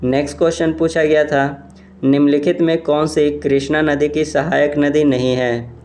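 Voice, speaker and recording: A man reading exam questions aloud and explaining each answer in a steady, repetitive way. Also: a little high, moderate pace, a little hiss or hum. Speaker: exam quiz presenter.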